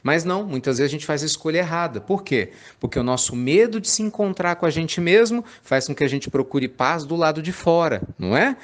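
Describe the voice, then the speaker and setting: A man's voice: a little high, animated, brisk, hardly any pauses. A man giving an informal sermon, chatty and playful, full of tag questions. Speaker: spiritist preacher.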